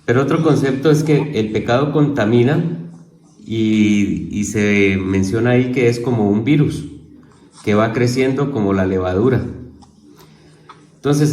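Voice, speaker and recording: Slow-talking man with a low, roomy voice. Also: darkish tone. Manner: halting, self-correcting, explains and repeats terms. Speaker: theology student presenting homework; teacher. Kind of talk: informal spoken lesson.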